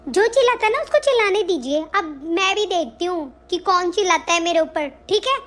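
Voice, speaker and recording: A woman voicing a young daughter-in-law who is fed up and defiant, in an animated story, with a sharp, scolding delivery. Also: very high voice, a little fast. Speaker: voice actor.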